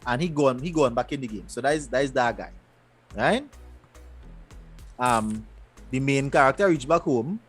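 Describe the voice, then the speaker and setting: A man, co-hosting a casual show recap and retelling scenes in an animated way. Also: medium pitch, moderate pace, long pauses, husky, soft background music. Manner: animated, loose storytelling with repeated restarts. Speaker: podcast co-host.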